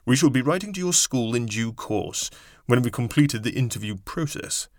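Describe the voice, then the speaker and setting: A man's voice: mid-range voice, expressive, normal speed, no echo, lightly acted. A man voicing a fussy elderly academic interviewer who dithers and stumbles over names, in a dry recording. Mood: dithering.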